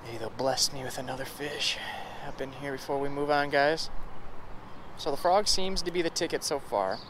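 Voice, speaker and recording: A man in his thirties films himself fishing beside a pond with a selfie-framed action camera, excitedly hyping up his catches to viewers. His voice sits at a medium pitch and moves at a moderate pace in this casual outdoor vlog, with clear background noise on the recording.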